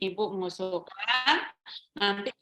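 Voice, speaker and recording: A woman's voice: medium pitch, unhurried, pushed and bright. A woman giving an online briefing, explaining patiently and ending sentences with a questioning tag, her audio choppy and glitching over a failing connection. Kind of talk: explanatory webinar talk. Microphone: laptop or phone over a video call on a mobile hotspot.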